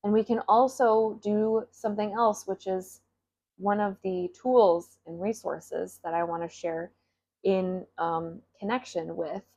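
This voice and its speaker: A woman's voice: medium pitch, fairly even intonation, a little slow, dark tone. A woman talking candidly and with emotion to her audience, laughing and swearing now and then. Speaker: self-help creator. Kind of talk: casual motivational talk to camera. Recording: slightly dull lo-fi audio.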